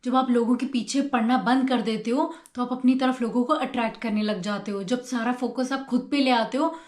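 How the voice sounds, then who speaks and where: A woman's voice: a little high, steady tone, normal speed, darkish tone. A young woman hosting her own channel, giving a casual motivational talk and explaining her points with everyday examples. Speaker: YouTube host. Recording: echoey room.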